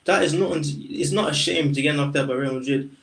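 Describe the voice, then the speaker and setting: Brief: male podcast co-host, higher voice, slangy and blunt, slightly off-mic. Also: fairly quick, a bit bright, distant mic, poor audio. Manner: direct, argumentative, with casual slang. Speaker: podcast co-host, Liverpool fan. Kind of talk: casual football chat.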